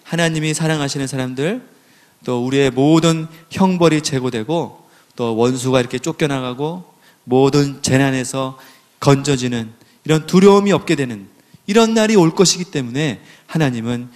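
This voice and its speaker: A pastor preaching a sermon, asking rhetorical questions and building to emphatic, raised passages. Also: male voice, medium pitch, animated, moderate pace, a little mellow.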